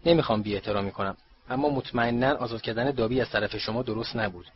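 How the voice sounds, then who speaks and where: A fretful little female house-elf frets and bows in a high squeaky voice, as a man reads her. She speaks with anxious deference to her master's world. The storybook recording sounds dull and lo-fi. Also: close to an everyday voice. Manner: anxious, deferential, keeps saying sir.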